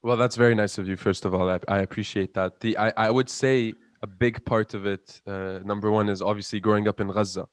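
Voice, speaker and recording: Young man, twenties, from Palestine, low-pitched, dry close recording, earnest, passionate, repeats words. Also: fairly even intonation, a little fast, hardly any pauses, no room sound. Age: 20s. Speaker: guest, student entrepreneur. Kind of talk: interview answers.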